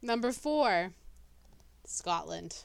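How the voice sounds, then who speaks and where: A woman's voice: mid-range voice, lively intonation, drawn-out words, vocal fry, clear, resonant tone, no echo. A young woman co-hosting a podcast in casual chat, reading out a ranked list and trading playful, teasing banter. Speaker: podcast co-host.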